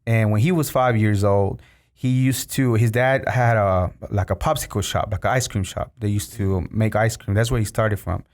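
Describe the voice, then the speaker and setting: A man's voice: lowish voice, steady tone, moderate pace, a little mellow. A man from Mexico hosting a podcast, chatting casually and telling stories, often saying "you know" and "bro". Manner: storytelling, says "bro" and "you know" a lot. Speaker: podcast host. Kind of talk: casual interview chat.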